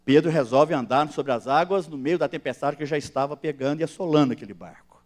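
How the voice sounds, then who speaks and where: A male pastor, preaching a sermon with animated, emphatic rises and direct address to his listeners. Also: on the high side, a little fast.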